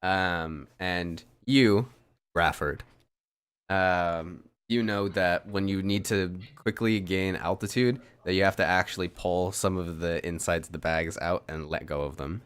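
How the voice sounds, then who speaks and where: Deep, smooth-voiced male dungeon master. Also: fairly even intonation, measured pace, fairly bright tone. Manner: loose narration full of ums and restarts. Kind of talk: narrating a tabletop game.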